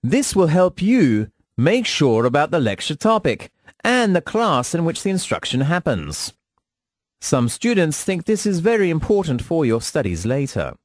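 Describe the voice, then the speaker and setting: Guy reading a formal study-skills lecture, measured and instructive, bouncy intonation, dry close sound. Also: on the high side, very animated, dry recording. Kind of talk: scripted instructional monologue.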